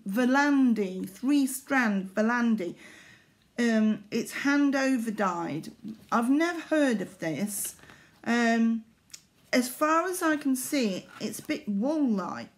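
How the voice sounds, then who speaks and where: A middle-aged woman, chatting casually to camera in a hesitant, rambling way, recorded at arm's length in a living room. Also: fairly high pitch. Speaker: needlework vlogger. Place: small living room indoors.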